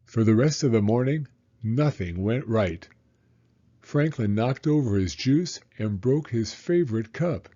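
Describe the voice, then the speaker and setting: A man reading a children's story in an expressive, deliberate narrating style with theatrical emphasis. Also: mid-range voice, lo-fi sound.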